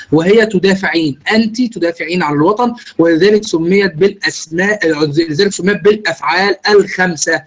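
A man's voice: high-pitched, rough recording. A man with an Egyptian Arabic accent teaching a grammar lesson, explaining step by step and quizzing his students.

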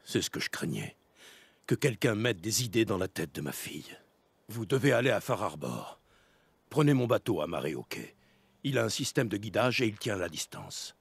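A man's voice: lowish voice, big pitch swings, moderate pace, creaky, breathy edge, dry recording, heavily acted. An actor voicing a worried middle-aged father in a video game, anxious and pleading. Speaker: game character.

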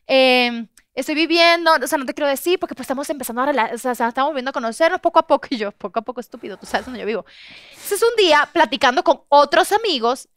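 A woman on a chat show telling a personal story with lots of energy, acting out what people said with loud bursts and laughter. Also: sits high, dry recording, clean studio sound. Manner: expressive storyteller, acts out quotes with loud outbursts and laughs. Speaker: guest host telling a story. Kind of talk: animated anecdote on a chat show.

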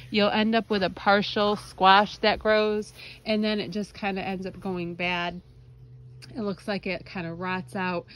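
Holding her phone camera at arm's length, a gardening channel host in her thirties chats outdoors in a casual, friendly, explanatory way. Her mid-range voice is fairly bright but stuffy and nasal from allergies, and there's a little hiss or hum in the audio.

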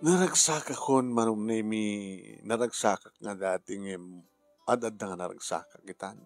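A man's voice: fairly low pitch, measured pace, dry recording, faint music behind. A man speaking heartfelt family drama dialogue.

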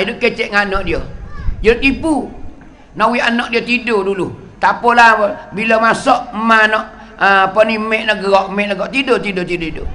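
A man preaching in a Kelantan-Patani Malay accent, his voice pitched high and ringing bright. He tells his religious story with lively sound words and acted scenes. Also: a little hiss or hum. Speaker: religious teacher. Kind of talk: sermon storytelling.

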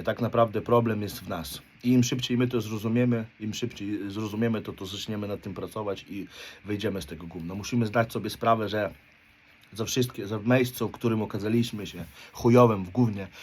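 Blunt, foul-mouthed man, low voice. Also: a little mellow, husky. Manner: heavy swearing, street slang, keeps adding a questioning "right?". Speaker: motivational speaker. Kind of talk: blunt confessional monologue.

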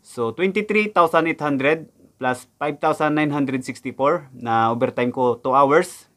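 A man's voice: on the high side, measured pace, fairly bright tone. Young man, from the Philippines, casual vlog, chatty, repeats numbers, addresses viewers, indoors, close camera. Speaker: vlogger, overseas factory worker. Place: indoors in front of a backdrop.

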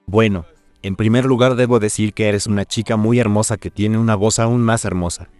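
Man, talent show judge, measured praise, deeper-than-usual pitch. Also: steady tone, darkish tone, dry recording, faint music behind. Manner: measured, complimentary. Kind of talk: dubbed television talk.

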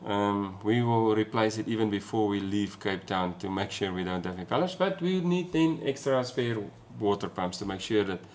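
A South African man in his forties with an Afrikaans accent, a sailing vlogger, talks casually to camera from a small room at home. His voice sits on the low side and is expressive and slightly mellow, moving at a normal speed with hardly any pauses.

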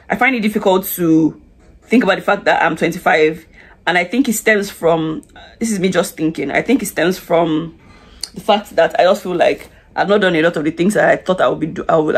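A beauty vlogger in her twenties speaks at a normal speed in a lowish, slightly rough voice. Doing her makeup in a small curtained room, she chats confidingly to a camera placed close in front, a casual get-ready-with-me talk filled with restarts and "like."

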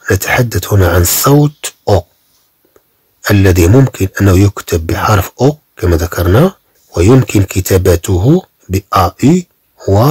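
A man teaching beginner French, slowly repeating syllables and words for learners. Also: low-pitched, darkish tone, breathy edge, no room sound. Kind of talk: beginner language lesson.

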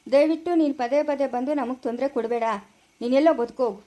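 A woman's voice: sits high, quick pace, dark tone, natural voice, rough recording. A woman playing a stern old village father. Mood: stern, scolding. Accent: Chikkaballapura Kannada. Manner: blunt, scolding, repetitive. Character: stern older village father turning his son away. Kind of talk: amateur family drama acting.

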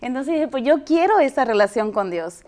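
A woman's voice: high voice, moderate pace. A young woman, a guest on a TV interview, telling her experience earnestly and with animation. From Dominican Republic. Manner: earnest, animated storytelling with hesitations. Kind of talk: TV interview testimony. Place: TV studio set, indoors. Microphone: lapel mic.

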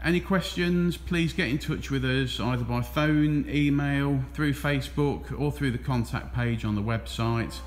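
Speaking a little slowly with few pauses, the English dealer uses a mid-range voice in his relaxed, um-filled tour of trailers. The handheld phone recording, made while walking inside a vast warehouse, carries echo and a faint hum.

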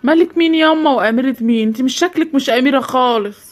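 A woman's voice: high voice, racing, natural voice. A woman voicing a nervous young man who finds a magic lamp, speaking with an Egyptian Arabic accent and brushing people off. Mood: dismissive.

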